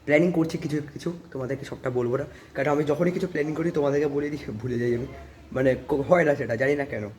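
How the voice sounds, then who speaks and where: Touring his home for a casual vlog, a man rambles and sprinkles English fillers throughout. He speaks fast, with a fairly high pitch, a steady tone and a slightly mellow quality, and there's a little hiss or hum in the recording.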